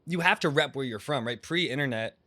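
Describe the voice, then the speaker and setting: A young man from Massachusetts talks at a quick clip, a rapper on a casual interview. His words tumble out with restarts, slang and cursing in a middle-pitched voice. The recording is dry and close, with almost no room sound. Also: expressive, bright, forceful tone, no room sound. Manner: fast, slangy, rambling with restarts and profanity.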